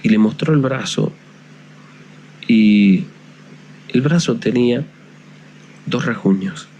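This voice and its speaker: A man telling a ghost story in a measured, suspenseful way. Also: fairly low pitch, dark tone, dull audio, slight background noise.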